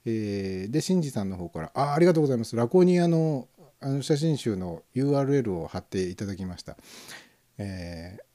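A man with a dark, mellow voice hosts a live internet radio stream, chatting casually and rambling with lots of fillers and soft chuckles. He speaks fairly quickly, his pitch rising and falling in a lively way as he muses over each listener's comment.

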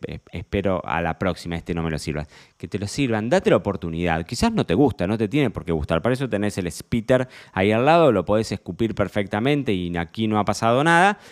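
Argentine male sommelier host, fairly low voice, loud and chatty, playful asides. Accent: Argentine Spanish. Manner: chatty, joking, lots of fillers and restarts. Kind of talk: casual monologue podcast.

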